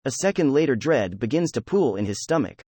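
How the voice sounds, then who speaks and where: A man narrating a fan fiction audiobook in an even storytelling delivery. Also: medium pitch, fairly quick, slightly rough, dry recording, studio quality. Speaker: audiobook reader.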